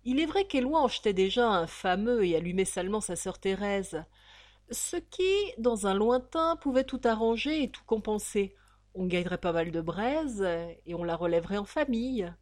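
A woman reading a novel aloud as an audiobook narrator. Her reading is expressive and lively, moving easily through slang-heavy prose. Her voice sits at a middle pitch. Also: normal speed, no echo, clean studio sound. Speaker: audiobook reader.

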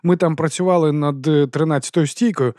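A man's voice: a little high, steady tone, brisk, mellow, pitched above the performer's own voice, close to an everyday voice. A man voicing a timid, nervous young technician who mumbles and hesitates.

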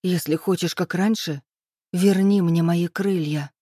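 A woman reading an audiobook, voicing a wounded, bitter young woman in raised, sharp outbursts. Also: fairly low pitch, unhurried, no room sound, studio quality. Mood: shrill.

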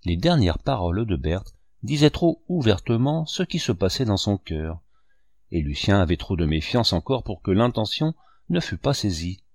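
A man narrating a novel aloud in a measured, expressive reading style. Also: lowish voice, dry recording, clean studio sound. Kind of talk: audiobook narration.

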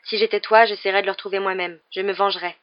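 A woman's voice: medium pitch, steady tone, quick pace, natural voice. A brooding, stubborn teenage boy, voiced by a woman speaks in a curt, determined voice. He sounds bitter and set on his course. The recording is dull and lo-fi. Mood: intense.

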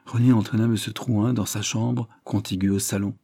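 Low husky male narrator. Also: level tone, moderate pace, dark tone. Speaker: audiobook narrator. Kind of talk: scripted narration of a historical novel.

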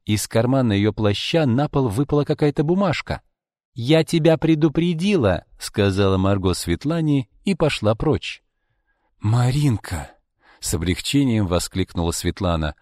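Man, story narrator, lively intonation, dry sound. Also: lowish voice, moderate pace, few pauses, dry recording. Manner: expressive reading, voicing all characters.

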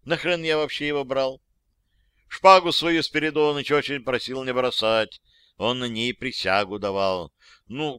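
A male narrator tells his story in the first person, wry and worn out. His voice is bright and smooth. The studio sound is dry. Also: medium pitch, no room sound. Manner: wry, weary soldier's narration. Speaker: audiobook narrator.

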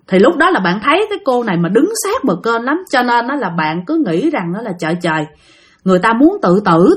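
Animated Southern Vietnamese woman storyteller. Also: a little high. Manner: animated, addresses listeners directly. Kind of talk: ghost story told to listeners.

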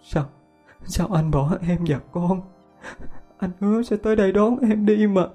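A man voicing a grieving young woman who pleads in a high, tearful voice. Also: a little slow, mellow, soft background music.

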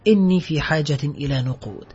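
A man's voice: fairly high pitch, quick pace, darkish tone, husky. A man voicing a hardened, vengeful male ex-convict in an audiobook, giving curt, menacing commands. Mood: blunt. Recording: muffled lo-fi recording, faint music.

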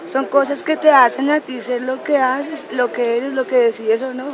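A woman's voice: sits high, steady tone, normal speed. A woman, answering interview questions bluntly and defiantly, swearing freely. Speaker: punk band member. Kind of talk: outspoken casual interview answers. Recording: loud crowd noise outdoors.

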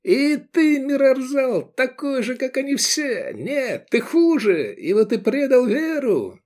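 Man voicing a fanatical zealot, high strained shouting, audiobook figure. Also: big pitch swings, slow, heavily acted. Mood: raging. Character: fanatical man, furious and shrieking.

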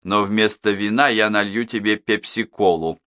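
Man doing a smooth peacemaking toastmaster. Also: lowish voice, fairly even intonation, moderate pace, bright, forceful tone, no echo. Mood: cajoling. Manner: cajoling, toasting. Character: genial man playing peacemaker at the table.

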